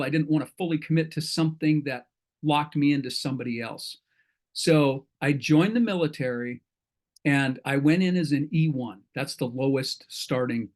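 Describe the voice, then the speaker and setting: A middle-aged man hosting an online entrepreneur meetup in a folksy, rambling way, often correcting himself. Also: fairly high pitch. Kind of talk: casual talk to an online group.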